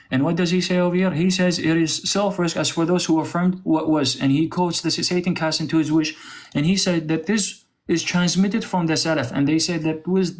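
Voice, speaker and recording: Male debater, slightly high voice, Arabic accent, combative, quick to interject and challenge. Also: low-quality recording. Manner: combative, interjecting, rhetorical questions. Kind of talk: heated live religious debate.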